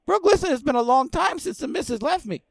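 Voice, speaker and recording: A man's voice: extremely high pitch, lively intonation, fast, vocal fry, no echo, clean studio sound, pitched above the performer's own voice, exaggerated voice. A man voicing a rambling, spaced-out old stoner oddball making a prank phone call. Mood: pleading.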